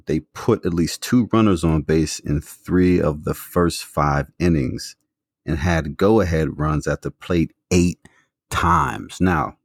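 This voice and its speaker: A man's voice: very deep voice, no echo, clean studio sound. A man co-hosting a sports podcast, making his case with stats and lots of fillers. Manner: argues a point with stats, many fillers. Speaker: podcast co-host. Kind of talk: casual sports talk.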